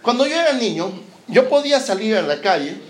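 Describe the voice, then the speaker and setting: A man's voice: high voice, brisk. A man with a Chilean accent preaching a sermon, joking and acting out scenes. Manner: lively, joking, acts out scenes. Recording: roomy echoing hall.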